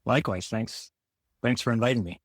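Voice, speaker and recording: An American man in his forties from the Detroit area, Michigan, chats casually and reflectively as a podcast guest, rephrasing his thoughts as he goes. His medium-pitched voice is brisk with a breathy edge, recorded studio-clean with no room sound.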